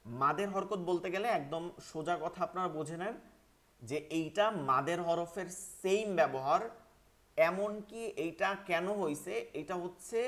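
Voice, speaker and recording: Teacher, male, higher-pitched, patient, chants letter drills steadily. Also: a bit bright. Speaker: Quran reading teacher. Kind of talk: online class lesson, rhythmic drilling.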